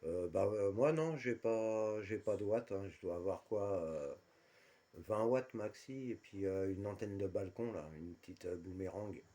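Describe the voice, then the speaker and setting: A man with a lowish, warm voice chats casually during a radio contact, speaking a little slowly. As a radio operator, he repeats his confirmations and uses radio jargon.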